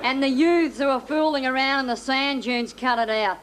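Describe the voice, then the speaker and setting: A woman's voice: high-pitched, normal speed, background noise, close to an everyday voice. A woman playing an officious police spokesperson giving a holiday safety briefing in a TV comedy sketch, with a studio audience laughing.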